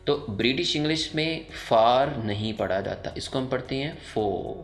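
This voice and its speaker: A man with a Pakistani accent teaching English pronunciation in a voice-over, explaining slowly and repeating each example word several times. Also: medium pitch, expressive, gravelly, faint music behind. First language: Urdu. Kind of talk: pronunciation lesson.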